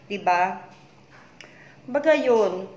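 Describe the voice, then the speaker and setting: Woman from the Philippines, confiding vlogger, subdued low voice, roomy echo. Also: expressive, very slow, a little mellow, highs cut off. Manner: retells conversations, repeatedly tagging them with "she said"; worried, confiding tone. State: voice low and weak. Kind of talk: personal story-time vlog. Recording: echoey room with faint background noise.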